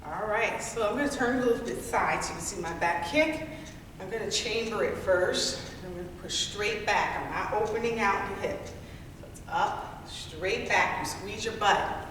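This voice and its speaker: A woman's voice: mid-range voice, measured pace, a bit bright. A woman leading a workout class, counting down and giving cues in an encouraging, playful way. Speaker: group fitness instructor. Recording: echoey hall, distant mic, faint noise.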